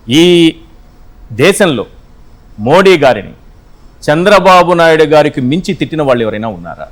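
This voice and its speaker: A man anchoring a TV news panel, putting calm prompting questions to a guest. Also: fairly high pitch. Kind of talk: TV panel moderation.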